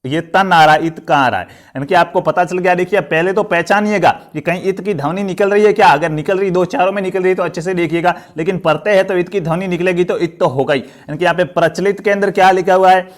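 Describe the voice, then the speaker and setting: A man's voice: high voice, fast, hardly any pauses. A man teaching a live online grammar class. He keeps asking questions and answering them himself, and he encourages the students.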